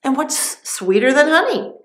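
A woman gives voice to a gang of scheming young men in a storybook, sly and eager, her pitch bouncing. A roomy echo surrounds it. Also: big pitch swings, a little slow, a bit bright, heavily acted.

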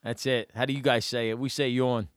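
A man's voice: medium pitch, level tone, quick pace, a bit bright, dry recording, clean studio sound. A man co-hosting a casual chat, emphatic and jokey, often calling his partner "bro.". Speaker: podcast co-host.

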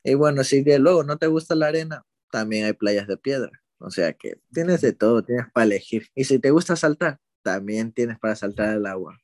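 Medium-pitched and at a moderate pace with few pauses, a young Ecuadorian man chats casually as an interviewee, relaxed and rambling a little, with hesitations and self-corrections. Studio quality, with no room sound.

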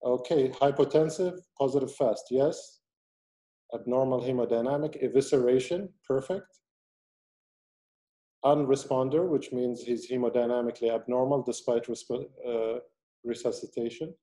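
A man's voice: mid-range voice, fairly even intonation, normal speed, dark tone. A man lecturing online as a surgeon, teaching step by step and taking questions from his audience.

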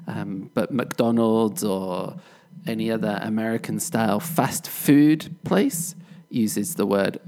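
A British man hosting a podcast English lesson, explaining word pairs slowly and modelling contrasting pronunciations. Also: on the low side, creaky, darkish tone. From Britain. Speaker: podcast host and English teacher.

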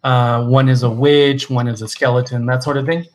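A man co-hosting a podcast in casual chat, relaxed and enthusiastic, with lots of fillers and restarts. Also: medium pitch, moderate pace. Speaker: podcast co-host.

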